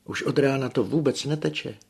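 A man voicing a panicked, out-of-breath peasant, shouting frantically in an audiobook. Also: medium pitch, creaky, husky, voice pushed up. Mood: frantic.

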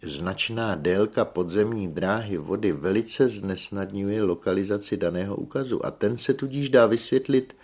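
A man reading aloud and voicing a pompous young male engineer who lectures slowly and emphatically, rolling his R's. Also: on the low side, darkish tone, pitched above the performer's own voice. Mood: lecturing. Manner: slow, emphatic lecturing with rolled R.

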